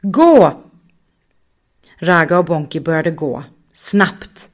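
Calm woman reading a children's story. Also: lowish voice.

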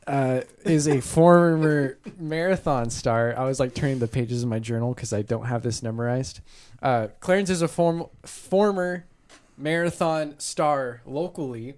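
A man's voice: medium pitch, a little slow, a little mellow, clean tone. Laid-back joking man at a game table. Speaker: podcast host and editor. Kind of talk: casual chat while playing a tabletop game.

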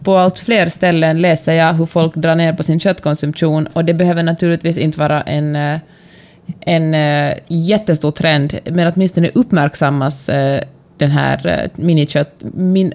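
A woman's voice: deep voice, steady tone, darkish tone. A woman from Finland who speaks with a Finland-Swedish accent. She is a podcast co-host in casual discussion, explaining her views conversationally.

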